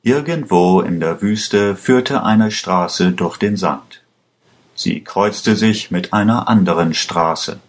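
A man narrating a story in a plain, deliberate reading style. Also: low-pitched. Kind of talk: slow audiobook narration.

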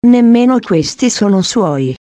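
A woman reading a calm male police officer. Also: mid-range voice, a little slow, dry recording, clean studio sound, close to an everyday voice.

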